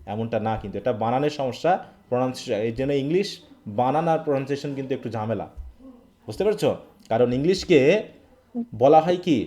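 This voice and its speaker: Fast-talking male English teacher. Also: medium pitch, dark tone. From Bangladesh. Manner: asks questions and checks understanding. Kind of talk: live online class.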